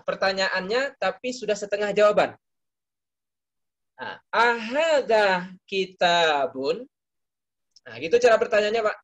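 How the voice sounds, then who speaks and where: A man's voice: sits high, a bit bright, highs cut off. A man teaching an Arabic class, explaining patiently step by step and calling on students by name to answer.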